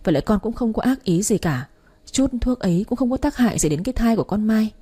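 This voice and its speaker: A woman's voice: a little high, expressive, fast talker, warm tone, slightly rough. A woman reading the part of a desperate daughter-in-law who pleads tearfully for mercy. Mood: pleading.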